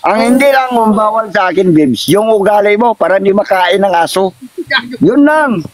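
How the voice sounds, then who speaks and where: A man's voice: high voice, animated, normal speed. A man in comic couple banter, sweet-talking and drawing out his lines in a singsong way.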